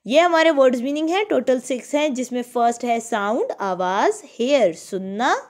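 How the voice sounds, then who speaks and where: A young woman teacher giving a recorded lesson to small children. She reads English textbook lines slowly, explains them in Hindi-Urdu, and repeats sound words in a sing-song way. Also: sits high, animated, a little mellow.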